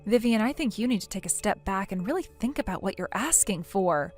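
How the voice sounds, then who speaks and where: A woman's voice: medium pitch, animated, a little fast, faint music behind, lightly acted. A synthetic female voice playing a blunt friend who lectures in a stern tone. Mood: scolding.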